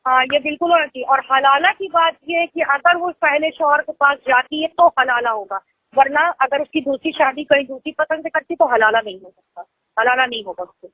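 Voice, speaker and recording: Heard on a tinny phone call recording that is dry, this young woman speaks at normal speed in a high voice with a Lucknow Hindi accent. As the caller, she chats casually, goes on at length explaining things, and laughs readily.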